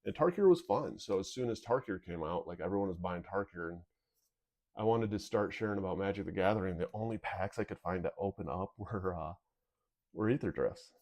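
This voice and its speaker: A man with a low voice chats casually as he opens card packs for viewers. His nose is sniffly and whistles as he talks. He rambles along candidly. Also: brisk, darkish tone. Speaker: video host. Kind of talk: casual card pack opening commentary.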